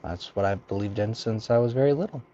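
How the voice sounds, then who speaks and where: A man's voice: on the low side, quick pace, dark tone, dull audio. A man chatting casually on a livestream in half-muttered, rambling asides, his voice coming from inside a costume helmet. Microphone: talking from inside a costume helmet.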